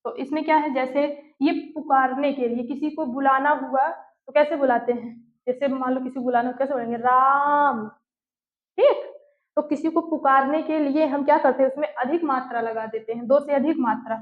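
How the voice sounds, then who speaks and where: A woman teacher giving an online class, slowly putting questions and answering them herself, and dictating notes word by word. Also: sits high, fairly even intonation. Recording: echoey room, tinny phone-like sound.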